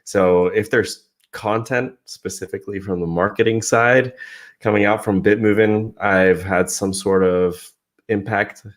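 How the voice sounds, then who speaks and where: This San Francisco man, a digital marketer, explains his work as a guest on a casual video-call interview. His voice sits on the low side, steady and unhurried, picked up by a podcast-style microphone.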